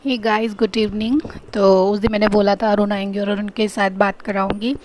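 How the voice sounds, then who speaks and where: A woman's voice: medium pitch, level tone, measured pace, a little mellow. A young woman vlogging casually at home, chatting and venting about her frustrations. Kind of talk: casual vlog chat. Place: home kitchen.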